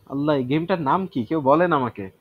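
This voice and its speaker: Guy going over vocab words out loud, dry close sound, thinks as he talks. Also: a little high, a little fast, no echo, phone-quality sound. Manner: thinks aloud, self-testing word by word; mixes English words into Bengali explanations. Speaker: vocabulary teacher. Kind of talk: casual vocabulary study session.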